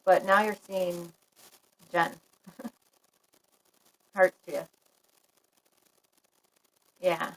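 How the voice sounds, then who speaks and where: Casting note: frank, chatty woman vlogger, fairly low voice, live-stream chat. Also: steady tone, extremely slow, pauses often, fairly bright tone, low-quality recording. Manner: chatty, frank, laughs often, talks to viewers. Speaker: livestream vlogger.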